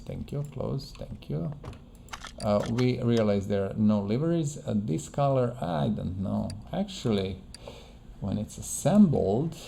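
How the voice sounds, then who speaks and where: A gaming video host, a man who isn't a native English speaker, gives casual commentary on a game playthrough. His medium-pitched voice is creaky and dark, with a slight hiss or hum. He speaks hesitantly, hunting for words and repeating himself.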